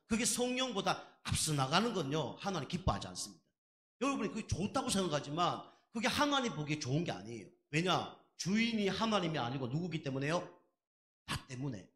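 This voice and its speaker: A man's voice: fairly high pitch, a bit bright. A male pastor preaching a sermon in a conversational way, asking his congregation rhetorical questions. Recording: echoey church sanctuary.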